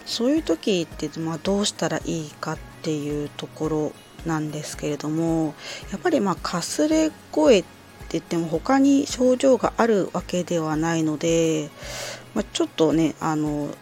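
A woman speaks in a low-pitched voice as a podcast host giving informal health advice. She explains things politely and a little hesitantly, phrase by phrase. Faint music plays behind her. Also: lively intonation, moderate pace, a little mellow. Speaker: podcast host answering listener letters.

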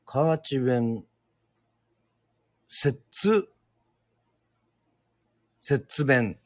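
A man from Yoron Island hosting a casual solo radio talk, speaking hesitantly with many fillers and pauses. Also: mid-range voice, expressive, no echo, studio quality. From Yoron Island, Japan. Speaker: radio show host.

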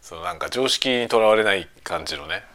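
Bright-voiced, animated middle-aged man, low pitch. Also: gravelly. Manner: rambling and colloquial, drawn-out sentence-ending tags. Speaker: streamer. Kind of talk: casual lunch-break chat while preparing food.

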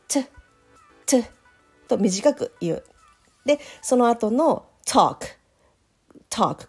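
Husky-voiced woman teaching pronunciation. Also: mid-range voice. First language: Japanese. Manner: gentle, explains step by step, modeling English phrases slowly. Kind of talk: casual spoken lesson. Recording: faint background music.

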